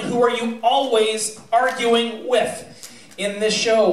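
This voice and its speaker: Speaking with an extremely high pitch, a middle-aged American man delivers an informal, folksy, wry award speech with teasing, much like a school theatre director, indoors on a school theatre stage. A distant camera picks up his handheld PA mic in an echoey auditorium, with murmuring and laughing audience noise.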